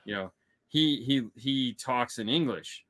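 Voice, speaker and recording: A man's voice: mid-range voice, takes it slowly, fairly bright tone. A man from Michigan co-hosting a casual movie chat, rambling and joking with lots of repeated words. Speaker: podcast co-host.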